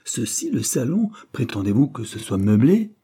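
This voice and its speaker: A man's voice: mid-range voice, moderate pace, mellow, slightly rough, voice pushed up, close to an everyday voice. A man reading aloud voices a domineering, scolding middle-aged maidservant woman in a storybook.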